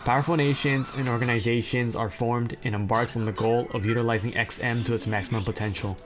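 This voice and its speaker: A man's voice: mid-range voice, fairly even intonation, fast talker. Blunt, profane man reading anime synopses. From China. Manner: blunt, profane, self-deprecating asides. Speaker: anime list narrator.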